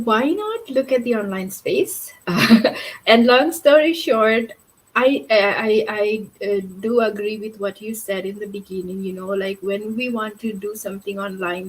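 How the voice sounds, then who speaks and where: A woman's voice: medium pitch, slightly rough, low-quality recording. A middle-aged woman from Fiji, talking as an interview guest over a video call, chatty and full of fillers and restarts. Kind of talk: casual interview talk.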